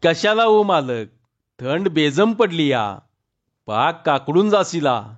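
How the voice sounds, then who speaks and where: A man's voice: fairly high pitch, sing-song, slow. A man playing a cheerful rustic male farmhand, laughing and teasing as he talks, in a dull lo-fi recording. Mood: pleading. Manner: laughing, teasing village talk.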